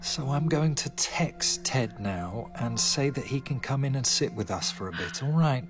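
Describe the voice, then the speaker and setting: A man's voice: medium pitch, expressive, normal speed, over music, lightly acted. An actor playing a patient, soothing grown son talking to his confused mother in a naturalistic audio drama.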